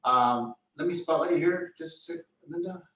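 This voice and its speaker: A man's voice: on the high side, moderate pace, pushed and bright. Man hosting from afar, roomy echo. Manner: friendly, welcoming, upbeat. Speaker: meeting host. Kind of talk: hosting an online club meeting. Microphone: video call. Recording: roomy video-call audio from a distance.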